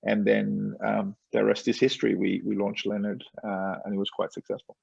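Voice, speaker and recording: A man in his forties from Spain, telling his story as a guest on a video call, relaxed and full of fillers and small laughs. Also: fairly low pitch, normal speed, gravelly, breathy edge, dry recording, lo-fi sound. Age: 40s. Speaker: guest, company founder. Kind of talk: casual interview on a call.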